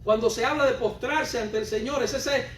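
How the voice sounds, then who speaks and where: High-voiced preacher in a roomy hall. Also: male voice, normal speed, fairly bright tone, recorded from a distance, a little hiss or hum. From Cuba. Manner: emphatic and repetitive, questions the congregation directly. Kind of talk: sermon. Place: church hall.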